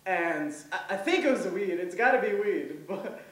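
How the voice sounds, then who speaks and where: On a comedy event stage, a young man whose first language is Hebrew performs his first stand-up set, rambling with lots of ums and laughing at his own jokes. His high, fairly bright voice is expressive and moderately paced. The recording is roomy, and he sounds far from the mic.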